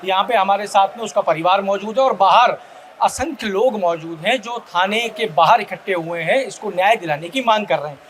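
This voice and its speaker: A male news reporter at a police station, interviewing a grieving family and repeating their answers back in brisk questions. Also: sits high, a bit bright. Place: outdoors by a police station, crowd around. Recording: crowd noise at a protest.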